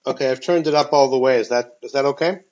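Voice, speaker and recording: A man's voice: medium pitch, fast talker, a little mellow. A man teaching a discussion class, heard through a speakerphone on a phone call, talking in a thoughtful, hesitant way with many ums. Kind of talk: leading a text discussion class. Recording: dull speakerphone call audio.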